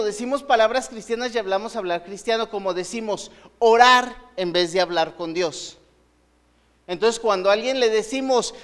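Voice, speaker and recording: Preacher, male, high voice, conversational sermon full of rhetorical questions, long reverb. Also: fairly bright tone. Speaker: pastor.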